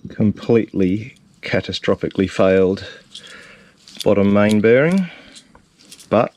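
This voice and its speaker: A man's voice: on the low side, lively intonation, unhurried. A middle-aged man giving casual, hands-on repair commentary in a wry, understated, self-deprecating way. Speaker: host, DIY outboard mechanic. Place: open-sided cluttered workshop. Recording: noisy workshop audio with clicks and clanks.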